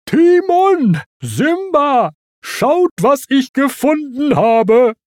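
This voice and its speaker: A narrator voicing Pumba, a clumsy and sheepish male warthog, speaking slow and drawn out. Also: high-pitched, big pitch swings, darkish tone, no room sound, clean studio sound, pitched above the performer's own voice, full character voice. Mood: excited. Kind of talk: storybook reading.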